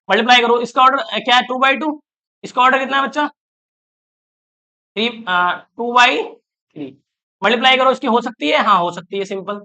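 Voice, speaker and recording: A man's voice: very high voice, sharp tone. A man giving an online math lecture, talking through each step and often asking students whether they follow. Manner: constantly checks if students follow, coaxing questions; talks through steps aloud, counting terms. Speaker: math teacher.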